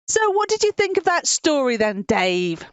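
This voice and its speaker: A woman presenting a children's program, telling a Bible story in a lively way and laughing often. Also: high voice, normal speed, no echo.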